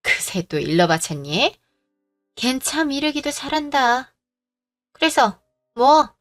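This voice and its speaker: A woman's voice: sits high, sing-song, slow, a bit bright, faint music behind, exaggerated voice. A woman voicing a pushy, greedy middle-aged mother-in-law who scolds and makes demands, in a storybook drama reading. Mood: scornful.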